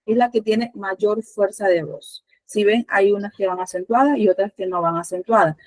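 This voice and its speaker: A woman's voice: mid-range voice, moderate pace, a little mellow, no echo, rough recording. Patient woman teacher quizzing her class. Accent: Panamanian Spanish. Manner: patient, asks many questions with frequent fillers. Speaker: Spanish teacher. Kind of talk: classroom teaching with questions to students.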